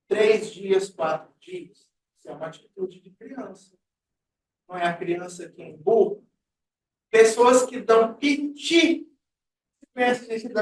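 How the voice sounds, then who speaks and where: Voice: medium pitch, a little mellow. A teacher lecturing a psychoanalysis class, explaining with questions and everyday examples. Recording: roomy class audio from far off.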